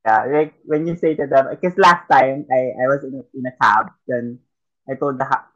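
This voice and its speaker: A woman co-hosting a casual podcast chat, speaking haltingly with frequent restarts and mixing Filipino with English. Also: extremely low pitch, lo-fi sound. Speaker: podcast co-host.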